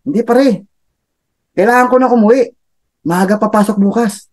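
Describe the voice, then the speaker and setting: A man's voice: sits high, normal speed, voice pushed up, natural voice. A man doing a dutiful office worker. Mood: earnest. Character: dutiful male office worker refusing a friend.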